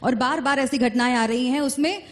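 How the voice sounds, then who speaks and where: A woman anchor with a somewhat high voice puts pointed, probing questions to her guest. She speaks in the formal register of a televised interview. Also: brisk.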